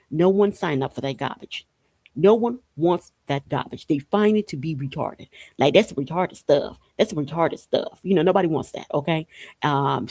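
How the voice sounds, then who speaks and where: With a fairly low, dark voice, a Haitian woman hosts a podcast monologue on spiritual and political matters. She talks informally, emphatically and repetitively, dropping in rhetorical questions, and the audio has no room sound.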